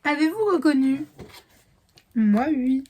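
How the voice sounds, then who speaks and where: A woman's voice: high voice, lively intonation, slow pace, a little mellow. A woman chatting casually in a reading vlog, rambling with fillers and self-corrections, now and then dropping to a whisper. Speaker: book vlogger.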